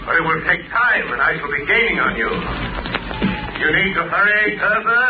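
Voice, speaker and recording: An actor playing a relentless, menacing avenger in 1930s radio melodrama, theatrical and taunting. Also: male voice, high voice, animated, normal speed. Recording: old phone-like 1930s radio broadcast, loud music.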